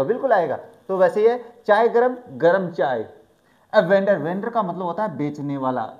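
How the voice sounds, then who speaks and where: A male teacher from Rajasthan, explaining an English lesson in a lively way, asking questions and acting out vendor calls. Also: high-pitched. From Rajasthan, India. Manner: lively, asks the class questions and acts out street vendor calls. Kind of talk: bilingual classroom explanation of an English chapter.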